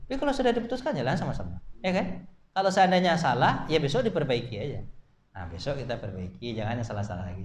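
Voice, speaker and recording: A male preacher gives a casual mosque talk, his somewhat high voice swinging widely as he tells stories and teases the congregation. The sound is roomy and echoey, with a faint murmur of ambience behind. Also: slight background noise. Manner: lively storytelling, jokes with listeners. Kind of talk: mosque study sermon. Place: mosque hall.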